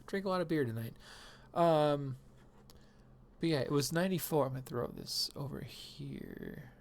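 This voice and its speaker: A woman's voice: low-pitched, expressive, normal speed, a little mellow. A woman live streamer chatting casually while gaming, rambling and self-deprecating and laughing often.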